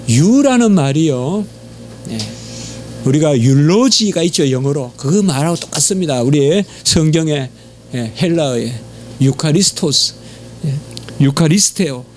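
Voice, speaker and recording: A man's voice: animated, measured pace, a little mellow, a little hiss or hum. A middle-aged man with a Gyeongsang Korean accent preaching a sermon as pastor, emphatic, with frequent affirming fillers. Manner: emphatic, pitch leaps on exhortations, frequent "예" fillers. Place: church sanctuary.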